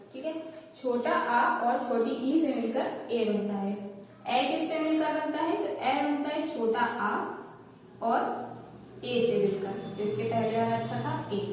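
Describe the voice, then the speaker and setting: A woman's voice: on the high side, a little mellow. Woman teacher going step by step, lots of echo, faint hiss behind. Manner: explains step by step, often checks with "ठीक है". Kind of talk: classroom lesson. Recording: echoey room, voice from far off the mic.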